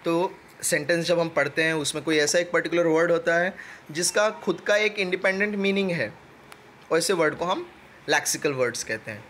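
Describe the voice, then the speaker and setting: A man teaching an exam-prep lecture, explaining step by step and reading definitions out slowly. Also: a little high, a bit bright, slight background noise.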